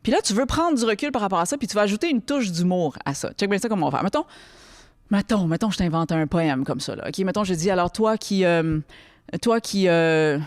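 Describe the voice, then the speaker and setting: A woman's voice: lowish voice, fairly quick, no echo, clean studio sound. Chatty Québécoise woman coaching teens. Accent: Quebec French. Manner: lively, chatty, addresses the listener directly with frequent checks. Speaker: workshop host speaking to teens. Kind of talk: casual instructional talk. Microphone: close microphone, podcast recording.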